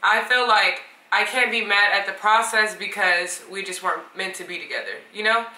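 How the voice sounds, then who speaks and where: A woman's voice: mid-range voice, normal speed, sharp tone, reverberant, recorded from a distance, low-quality recording. A woman co-hosting a vlog in casual chat, filling her talk with "like". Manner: chatty, heavy use of "like". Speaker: vlog co-host.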